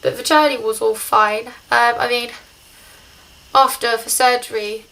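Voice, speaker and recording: A woman's voice: fairly high pitch, fairly even intonation, a little slow, creaky, pushed and bright, poor audio. A young woman talking hesitantly in a casual video diary, short of breath and congested just after nose surgery. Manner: hesitant, rambling.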